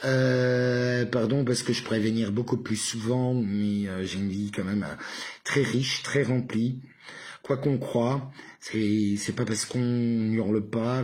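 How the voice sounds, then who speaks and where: A man's voice: fairly low pitch, darkish tone. A man vlogging to his followers in a rambling, casual monologue full of fillers. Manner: repeats a phrase with shifting emotions, rambling with many fillers.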